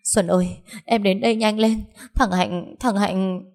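A woman voicing a hot-tempered peasant woman, an older sister who shouts coarse threats. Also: medium pitch, steady tone, unhurried, voice pushed up, lightly acted. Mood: panicked.

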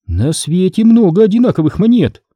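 A man's voice: high-pitched, sing-song, normal speed, dry recording, highs cut off, voice pushed up. A man voicing a practical, firm but kindly mother in an audiobook story.

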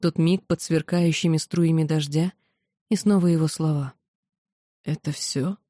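A woman narrating a first-person audiobook in a steady, measured way. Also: low-pitched, no room sound, clean studio sound.

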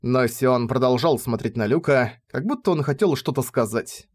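A man reads a fantasy story aloud in steady, measured narration. His voice sits at a middle pitch and keeps an even, unhurried rhythm. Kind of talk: scripted audiobook narration.

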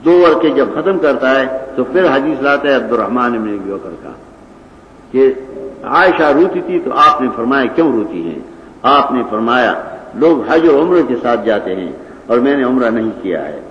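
A man's voice: medium pitch, sing-song. An older man with a Pashtun accent delivers a religious lecture, arguing points step by step and reciting Arabic passages. His voice rings through a large reverberant hall, captured on a dull, lo-fi old recording with faint noise behind. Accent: Pashtun-accented Urdu. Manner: didactic, argumentative, quotes Arabic texts. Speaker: Quran and hadith teacher.

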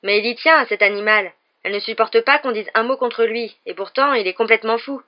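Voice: medium pitch, fast, lo-fi sound, voice pushed up, close to an everyday voice. A reader doing a hot-tempered teenage boy. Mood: furious.

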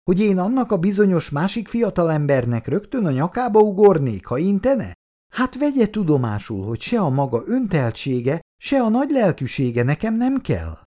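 A proud, quick-tempered young woman, put on by a man reading a story aloud. Her voice leaps high and swoops widely as she snaps back indignantly. The retorts come sharp and heated. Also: wildly swooping pitch.

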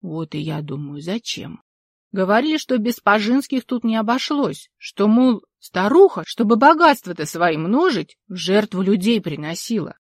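A chatty old villager spins local legends in a loud, folksy, emphatic manner, as a woman reader puts him on. The voice is lively and pushes its lines hard, with a dry, close sound and no room around it. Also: medium pitch, normal speed, no echo. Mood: folksy storytelling. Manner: folksy, emphatic, rustic speech. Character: talkative old village man, folksy storyteller.

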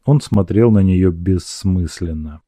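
A man narrating a classic novel in a measured, even storytelling manner. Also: deep voice, no room sound, clean studio sound. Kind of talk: audiobook reading of a classic novel.

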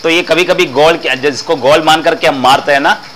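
Male philosophy teacher, high bright voice, explains by repeating phrases and posing questions. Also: moderate pace, slight background noise, low-quality recording. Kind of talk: explanatory discourse lecture.

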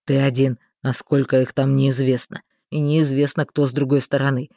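A woman's voice: extremely low pitch, flat delivery, moderate pace, mellow, no echo, clean studio sound, voice pushed down. A woman voicing a stern grown male mage who barks curt orders.

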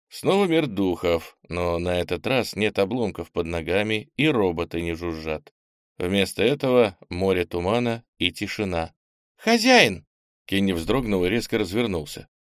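A man reading a novel aloud as audiobook narrator, in a steady, even manner. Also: low voice, no room sound, studio quality. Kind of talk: scripted narration.

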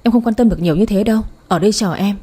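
A devoted young woman choking back tears, as a woman narrator voices her in a spoken romance story. The voice is warm and breathy, pleading yet stubborn. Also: medium pitch, racing, natural voice. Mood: tearful, determined. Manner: tearful, pleading.

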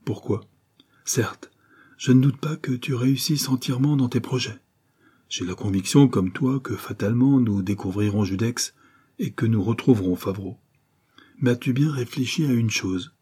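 A man voicing a weak-willed, anxious thief who speaks softly and submissively, reading an audiobook. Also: mid-range voice, moderate pace, slightly rough, natural voice. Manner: hushed, fearful, pleading. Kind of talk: audiobook character voice.

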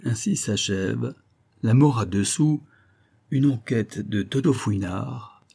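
Male audiobook reader, dark and husky, steady expressive narration. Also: mid-range voice, takes it slowly. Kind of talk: scripted narration.

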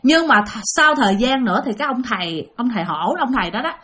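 A woman's voice: fairly high pitch, sing-song, fast talker, a bit bright. A woman telling a ghost story in a chatty, dramatic way, speaking straight to her listeners. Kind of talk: casual ghost-story narration.

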